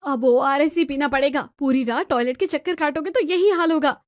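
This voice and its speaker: Woman, narrator, scolding daughter-in-law, firm, very high pitch, dry close sound. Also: brisk, dry recording. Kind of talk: storytelling narration and dialogue.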